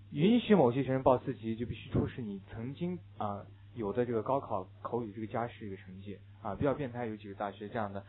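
Male English teacher lecturing a class, mid-pitched voice, drills words slowly; tinny lo-fi recording. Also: husky. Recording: narrow phone-like lo-fi sound.

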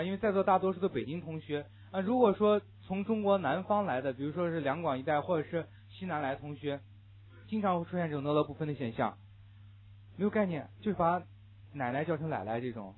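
A man's voice: a little high, lively intonation, fast talker. A young adult man teaching English pronunciation to a class, explaining sound changes and having students repeat phrases after him. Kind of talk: classroom lecture. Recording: muffled phone-like lo-fi audio.

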